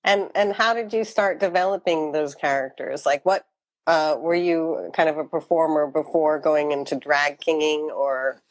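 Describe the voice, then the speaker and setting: A woman hosting a casual interview, with a fairly low voice. She sounds friendly and pokes fun at herself as she puts her questions. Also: fairly even intonation, moderate pace. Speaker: interviewer, host.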